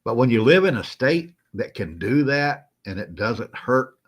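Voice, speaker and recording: A man's voice: mid-range voice, big pitch swings, unhurried. A man hosting a casual live stream, greeting viewers by name in a folksy, chuckling way while feeling a little unwell. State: feeling unwell, moving slow.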